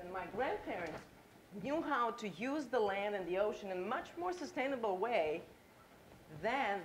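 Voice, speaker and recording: A middle-aged woman from Croatia, with a Croatian accent, gives an engaging conference talk in a lecture hall and quizzes her audience. Her mid-range voice has a fairly bright tone, and there's a little background noise.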